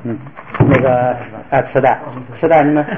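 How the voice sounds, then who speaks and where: A man's voice: medium pitch, steady tone, normal speed, a crowd in the background. A male language teacher, lecturing a class patiently and step by step, with many fillers. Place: classroom with students. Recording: roomy, dull lo-fi classroom recording.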